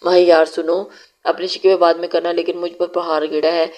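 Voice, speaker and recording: A woman reading a stubborn, dreamy young heroine in an audio novel, whiny and insistent, lifted a touch higher and louder than the narration. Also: level tone, fairly quick, close to an everyday voice.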